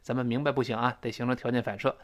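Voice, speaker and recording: A man speaking with a Mandarin Chinese accent, explaining English pronunciation and repeating words slowly to demonstrate them. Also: medium pitch, flat delivery. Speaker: English teacher.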